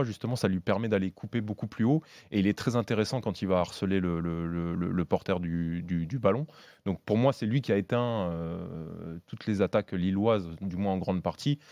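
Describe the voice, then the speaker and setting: A man with a low voice talks through football tactics as a panel pundit. He speaks haltingly, doubling back on words as he builds each argument. The sound is dry, with very little room on it. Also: a little mellow, dry recording. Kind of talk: live match analysis in a panel discussion.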